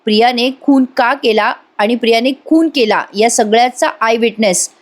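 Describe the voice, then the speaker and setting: A woman's voice: a little high, moderate pace. A woman giving a casual voice-over review of a TV serial, chatting directly to viewers.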